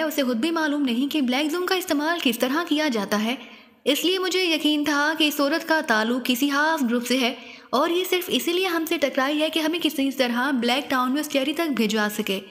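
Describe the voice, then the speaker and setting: A woman's voice: sits high, fairly quick, a bit bright. A woman voicing a cold, commanding male army major in an audiobook spy story. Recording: long hall reverb.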